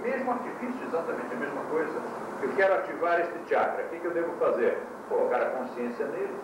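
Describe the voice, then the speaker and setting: A man's voice: fairly high pitch, expressive, far from the mic. Man lecturing on an old VHS tape. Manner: explains with quick bodily demonstrations and light humor. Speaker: yoga teacher. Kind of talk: classroom lecture. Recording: old VHS tape, echoey room from afar, hiss.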